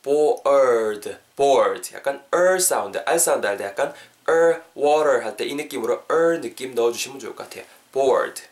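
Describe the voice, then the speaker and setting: A man teaching an English lesson in a video, upbeat and coaxing, spelling words out slowly. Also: medium pitch, animated.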